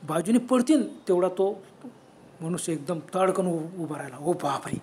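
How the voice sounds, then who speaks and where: High-voiced man telling a horror story. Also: expressive, moderate pace, darkish tone, a little hiss or hum. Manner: dramatic, drops to whispers at scary moments. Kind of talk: oral horror story narration.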